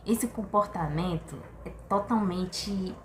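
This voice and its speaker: A woman giving a casual opinion monologue to camera, chatty and animated, full of rhetorical questions and exasperated sighs. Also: mid-range voice, slow, slight background noise. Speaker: vlogger. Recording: echoey room with faint ambience.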